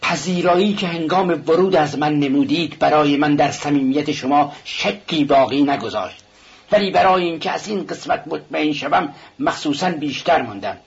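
A man voicing a pompous middle-aged suitor who speaks with stiff, indignant formality in a husky voice. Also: fairly high pitch, dull audio, pitched above the performer's own voice, heavily acted.

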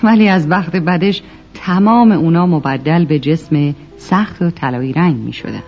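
A storyteller narrating a children's tale, talking to the kids listening. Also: mid-range voice. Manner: addresses children warmly as listeners. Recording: lo-fi recording with music behind.

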